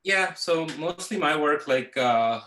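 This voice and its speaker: Male guest, 30s, from Pakistan: easygoing and rambling, bright tone, echoey call audio. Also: a little high, slow, slight background noise. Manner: relaxed, full of fillers like "uh" and "you know". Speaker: guest, visual effects artist. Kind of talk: casual interview answers.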